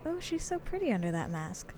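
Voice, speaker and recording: A woman's voice: medium pitch, big pitch swings, a little fast. A woman giving chatty gameplay commentary as a let's play host, talking herself through things in a flustered way. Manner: chatty, flustered self-talk.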